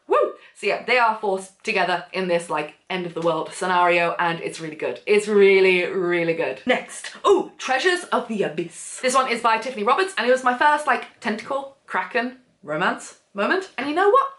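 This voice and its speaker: A woman chattily recommending books, gushing and full of fillers with big swings in pitch. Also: moderate pace, hardly any pauses, a bit bright. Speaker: book vlogger. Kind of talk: casual book recommendations. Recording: echoey room.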